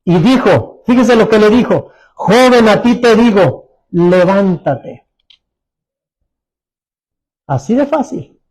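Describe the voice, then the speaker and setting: A man preaching a sermon as pastor, Mexican Spanish accent, repeating phrases and dropping to soft, low tones for emphasis. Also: slightly rough, low-quality recording. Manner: repeats phrases, restarts words.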